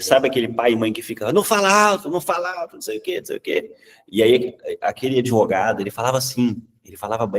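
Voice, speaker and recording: A Brazilian man with a fairly low voice gives a public speaking lesson in a chatty, animated way. He often tags his points with a quick "tá?" and acts out examples. He sounds set back from the microphone. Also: recorded from a distance. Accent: Brazilian Portuguese. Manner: lively and conversational, often ending points with "tá?".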